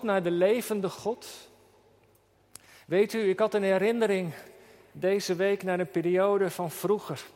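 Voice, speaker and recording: A man preaching a sermon earnestly, slowing down when he quotes scripture. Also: sits high, darkish tone, long reverb tail. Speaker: pastor.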